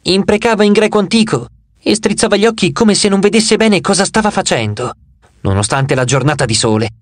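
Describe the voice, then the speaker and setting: Expressive male audiobook narrator. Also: high voice, fairly quick, no echo. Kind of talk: scripted narration.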